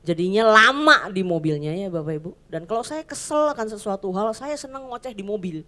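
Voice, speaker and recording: A woman pastor giving a sermon in church, chatty and lively, often acting out little voices. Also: mid-range voice, fairly quick. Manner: lively, conversational, acts out voices.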